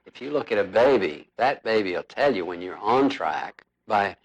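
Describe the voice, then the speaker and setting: A man, a pediatrician, talking gently to a newborn and coaxing it. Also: on the low side, lively intonation, normal speed, husky, poor audio.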